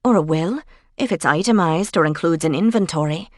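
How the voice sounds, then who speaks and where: A woman narrator voicing a brisk, practical woman researcher in a cozy mystery audiobook, businesslike and chatty. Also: lowish voice, dry recording, clean studio sound, natural voice. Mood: brisk, explaining.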